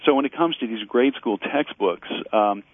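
A man's voice: mid-range voice, normal speed, dry recording. A man, a zoologist guest on a call-in show, heard over a clipped phone line, explaining at length with fillers and repeated words. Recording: tinny dry phone line.

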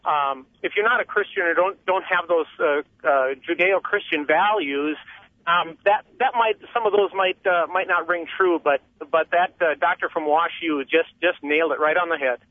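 Halting man on a clipped phone line. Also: on the high side. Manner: halting, many repeats and fillers. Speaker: radio call-in caller. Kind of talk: casual call-in opinion. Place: in his car. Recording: tinny phone line from a car.

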